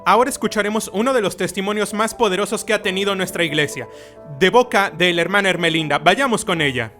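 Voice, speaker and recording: A man with a Mexican Spanish accent, briskly introducing a recorded segment as presenter. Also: sits high. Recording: music behind.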